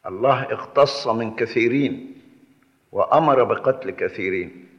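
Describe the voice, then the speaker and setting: Egyptian preacher in an echoey hall. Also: male voice, medium pitch. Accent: Egyptian Arabic. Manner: measured, argumentative explaining. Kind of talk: sermon. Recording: echoey hall, dull lo-fi sound.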